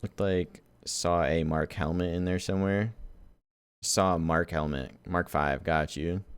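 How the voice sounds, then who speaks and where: A man chatting excitedly as he reacts to a game trailer, loose and slangy. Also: low voice, unhurried, clear, resonant tone, dry recording. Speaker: gaming YouTuber. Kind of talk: casual reaction commentary.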